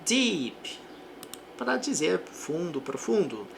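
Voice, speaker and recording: A woman teaching an English lesson, reading example sentences slowly and then explaining them more quickly. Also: lowish voice, sing-song, vocal fry, background noise. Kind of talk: language lesson.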